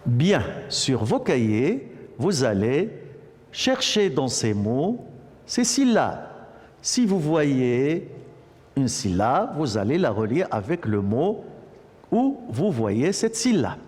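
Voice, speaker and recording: A man teaching a French lesson to young children, repeating words slowly and praising the class often. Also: medium pitch, sing-song, a little mellow, long reverb tail. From Morocco. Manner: slow, repetitive, encouraging classroom delivery. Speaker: primary school teacher.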